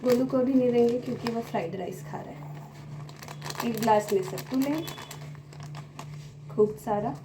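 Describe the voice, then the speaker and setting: A woman's voice: on the high side, measured pace, pauses often, background noise. Chatty young woman home vlogger. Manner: chatty, talks to viewers directly; speaks softly at times to keep the house quiet. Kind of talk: casual home vlog narration.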